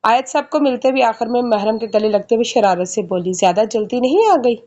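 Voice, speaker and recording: A woman's voice: on the high side, expressive, a little fast, dark tone, muffled recording. A woman reading a romance novel aloud, voicing each character's dialogue herself with small shifts in tone. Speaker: novel narrator.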